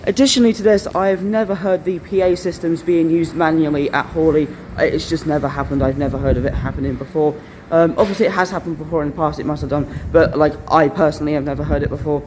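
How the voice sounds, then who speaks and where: A man's voice: on the high side, steady tone, fast talker, hardly any pauses, darkish tone. A man giving a casual, explanatory vlog outdoors at a railway station. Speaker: vlogger. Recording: faint outdoor station noise. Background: trains and station ambience.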